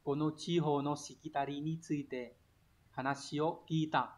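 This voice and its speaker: A man's voice: a little high, steady tone, moderate pace. Guy teaching a japanese vocab lesson online, reads the sentences out then explains, keeps asking "right?". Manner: explanatory, often asks students rhetorical check questions. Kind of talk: online exam walkthrough lesson.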